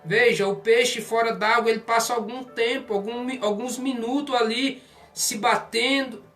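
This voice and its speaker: Earnest pastor preaching. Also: male voice, very high voice, fairly even intonation, normal speed, a bit bright. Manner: earnest, pleading appeals to listeners. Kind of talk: sermon. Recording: distant mic, faint music behind.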